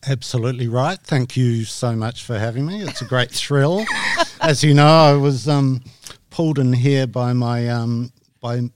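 A middle-aged New Zealand man, a media director appearing as a podcast guest, tells his story in casual interview talk. His mid-range voice is clear and resonant, his pace unhurried, and he comes across hesitant and self-deprecating with many ums. The recording is dry.

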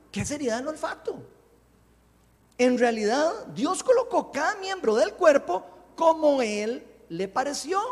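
Guy preaching in a big echoey church hall, high voice that jumps all over, loud then soft. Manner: impassioned, swings between loud lifted phrases and soft low prayer. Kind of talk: sermon with prayer and scripture reading. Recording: long hall reverb.

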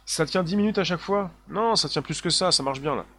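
A man's voice: fairly high pitch, brisk, bright, forceful tone, slight background noise. A man hosting a live stream, talking emphatically and repeating himself, with many fillers as he reads out viewer comments. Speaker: livestream host.

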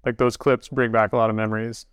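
A man hosts a podcast in a laid-back, reflective way with dry understatement. His voice is smooth and clear, recorded close and dry. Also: fairly low pitch, little pitch movement, quick pace, no echo. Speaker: podcast host. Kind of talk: casual podcast chat.

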